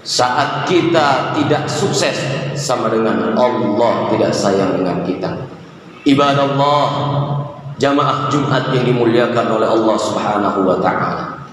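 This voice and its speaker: A man in his thirties giving a Friday sermon, building repeated parallel phrases that rise for emphasis and chanting verses melodically. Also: mid-range voice. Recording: echoey hall with faint hiss.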